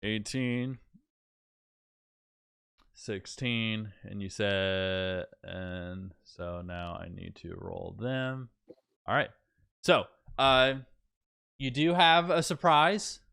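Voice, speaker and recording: Bright, clear-voiced man running a tabletop game. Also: mid-range voice. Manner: halting, full of fillers and restarts. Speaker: dungeon master.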